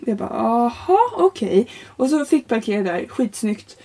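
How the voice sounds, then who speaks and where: A young woman with a fairly high, husky voice and a mellow, warm tone. She tells a comic story in a loose, chatty podcast style, animated and quick to laugh, swearing casually as she goes.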